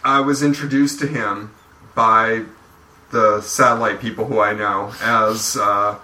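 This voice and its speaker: A man talking loosely in a group podcast chat, his speech full of ums and uhs. His voice is bright and forward. He sounds a little far from the mic in a roomy space with faint background noise. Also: lowish voice, fairly even intonation, a little slow. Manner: rambling, many ums and uhs. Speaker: podcast co-host.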